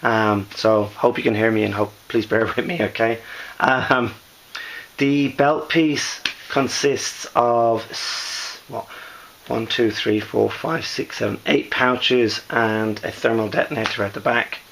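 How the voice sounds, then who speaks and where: A hoarse man who is losing his voice gives a casual, halting show-and-tell as a maker, often correcting himself. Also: mid-range voice, fairly bright tone, a little hiss or hum, poor audio. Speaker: costume maker presenting a build.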